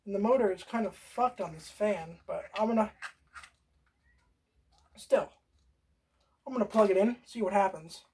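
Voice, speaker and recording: A woman's voice: medium pitch, moderate pace, long pauses, warm tone, a little hiss or hum. A woman hosting a casual how-to video, rambling, swearing freely and talking straight to the viewer. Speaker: DIY video host.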